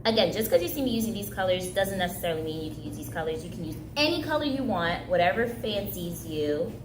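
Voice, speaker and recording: Quick and animated, her low-leaning voice carries through a reverberant recreation center room with slight background noise. The young woman, whose first language is Haitian Creole, hosts a casual craft session for kids, staying upbeat, chatty and quick to laugh.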